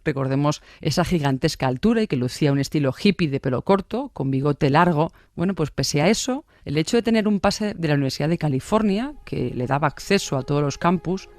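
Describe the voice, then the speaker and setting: Speaking with a Castilian Spanish accent and a slightly high voice, a male narrator delivers a true-crime story in scripted radio fashion. A faint music bed runs underneath.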